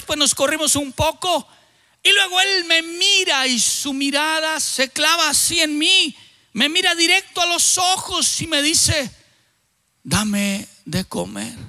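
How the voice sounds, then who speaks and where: A man pastor from Colombia telling a dramatic story in a sermon, with halting restarts and sudden loud bursts. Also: very high-pitched, long reverb tail.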